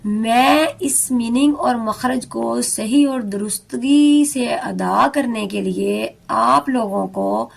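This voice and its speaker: A woman teaching a beginner Quran recitation lesson, slowly and carefully sounding out letters and words. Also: a little high, vocal fry.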